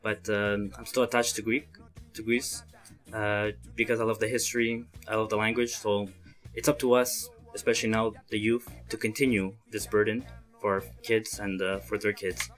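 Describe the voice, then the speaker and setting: A man in his early twenties from Montreal, Canada, chairman of a student association, gives earnest interview answers in halting, hesitant phrasing. His voice is lowish, level, and a bit bright, with soft music in the background.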